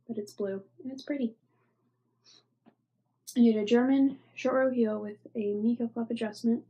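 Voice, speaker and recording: A stuffy, congested young woman talks casually on her knitting podcast, showing and telling with plenty of fillers and often trailing off almost to a whisper. Her voice is a little high, warm and slightly rough. The highs are cut off.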